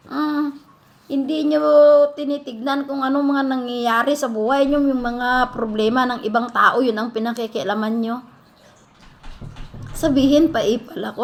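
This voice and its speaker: A woman in a heated vlog rant, scolding her critics and firing off rapid rhetorical questions. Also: high voice. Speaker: vlogger answering critics. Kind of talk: heated direct-to-camera rant.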